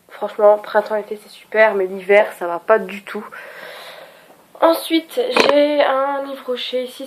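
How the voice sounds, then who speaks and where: A young French woman reviewing her lipsticks in a casual, chatty, scattered, self-mocking way. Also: medium pitch. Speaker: beauty vlogger.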